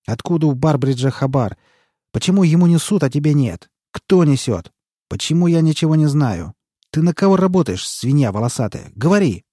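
Hot-tempered boss read by a man: loud, hissing threats, husky, dry. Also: mid-range voice, big pitch swings, normal speed, dry recording, voice pushed up. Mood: raging. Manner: harsh, shouting threats, hissing. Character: brutal, hot-tempered male boss interrogating an underling.

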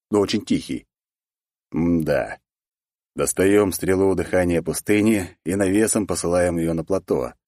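A man's voice: deep voice, warm tone, slightly rough, no echo, clean studio sound. A man narrating a first-person fantasy audiobook in a matter-of-fact, wry way.

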